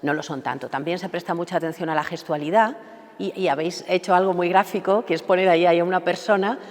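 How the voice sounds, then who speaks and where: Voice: mid-range voice, fairly even intonation, fast, big-room sound. Chatty radio host giving short affirmations. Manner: conversational, affirming with short backchannels. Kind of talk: radio interview.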